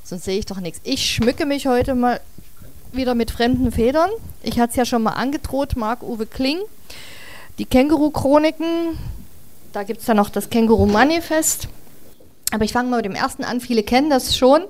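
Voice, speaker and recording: A woman reading a story aloud to an audience in a chatty, relaxed way, with frequent fillers. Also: fairly high pitch, moderate pace. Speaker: reader.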